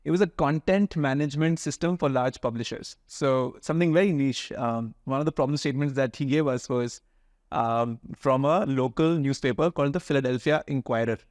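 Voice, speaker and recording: Male interview guest, polished educated Indian accent; informal explainer, mid pitch, very dry recording. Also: a little fast, darkish tone, no echo. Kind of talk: conversational interview answers.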